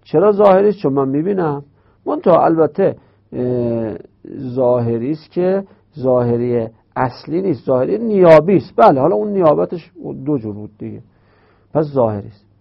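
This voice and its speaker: Gravelly man, grammar teacher, patient step-by-step lecture, dull lo-fi recording. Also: fairly high pitch, expressive. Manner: explains step by step, repeating terms slowly.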